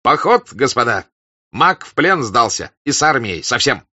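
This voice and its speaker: A man voicing a cheeky, joking young officer who talks excitedly and boastfully, on a dull, dry lo-fi recording. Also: medium pitch, moderate pace, no room sound, pitched above the performer's own voice, heavily acted.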